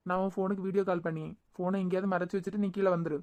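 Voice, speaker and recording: Woman voicing a calm young fiancé. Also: fairly low pitch, racing, natural voice. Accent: Kanyakumari Tamil. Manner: calm, directing others.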